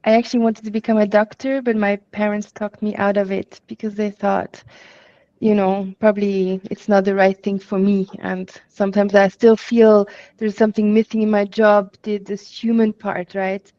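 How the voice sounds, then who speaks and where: A woman taking part in a session, answering in a hesitant, soft-spoken way over a video call. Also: medium pitch, flat delivery, normal speed, no room sound. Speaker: session participant. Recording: dull, dry lo-fi call audio.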